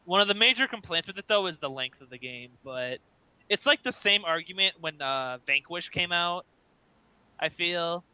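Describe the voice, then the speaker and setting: A man's voice: high voice, animated, normal speed, pushed and bright, clean tone, no echo. A young man co-hosting a casual gaming podcast, chatty and often restarting his sentences. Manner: chatty, trails off and restarts mid-thought. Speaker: podcast co-host. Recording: muffled lo-fi podcast audio.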